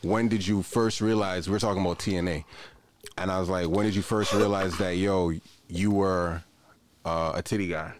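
This is a man with a fairly low voice hosting a podcast. His talk is casual and conversational, sprinkled with slang. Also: steady tone, normal speed, a little hiss or hum. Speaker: podcast host.

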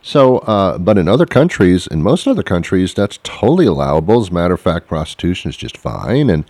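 A man with a low voice banters as a co-host. His pitch moves around in a lively way as he jokes haltingly, in a very dry recording. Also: no echo. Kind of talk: casual banter.

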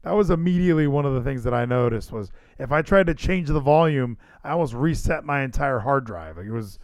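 A man's voice: mid-range voice, animated, brisk, no echo, studio quality. A man hosting a podcast livestream in casual chat, rambling and emphatic, repeating phrases for effect. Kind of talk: casual wrestling show chat.

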